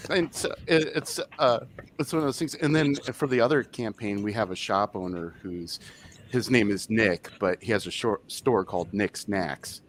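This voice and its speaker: A man talking as a game master on a casual podcast, animated and restarting often. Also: fairly low pitch, normal speed, slight background noise.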